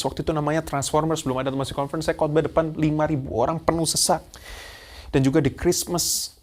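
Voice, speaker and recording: High-voiced animated male pastor preaching. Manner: animated, mixing in English phrases, acts out congregants' voices. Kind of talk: sermon. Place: church stage.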